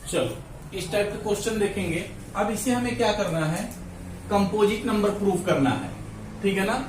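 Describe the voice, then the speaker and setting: A man's voice: high-pitched, expressive, normal speed, background noise. A male maths teacher working through problems with his class, speaking mixed with English terms and often checking in with "ठीक है ना". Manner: repeats "ठीक है ना", counts steps aloud. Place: classroom with students. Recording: echoey classroom, mic far off.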